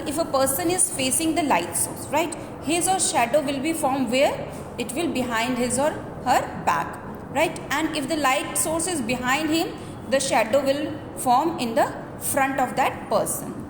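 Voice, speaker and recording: A woman's voice: high voice, animated, a little slow. A woman giving an earnest school lecture, explaining step by step and checking in with students through questioning tags. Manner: earnest, explanatory, often ending phrases with a questioning "right?". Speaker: school teacher. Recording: echoey reverberant room with background noise.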